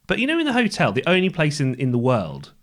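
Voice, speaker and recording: A man's voice: fairly high pitch, wildly swooping pitch, quick pace, a bit bright. A man, co-hosting a podcast in a studio, chatting and teasing in a playful way. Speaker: podcast co-host. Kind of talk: casual chat.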